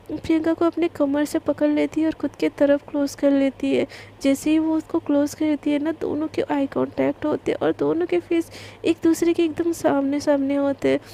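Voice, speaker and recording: A woman's voice: high-pitched, dark tone. A woman telling a love story in a casual, chatty way, mixing into her talk and using lots of fillers. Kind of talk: casual spoken story narration.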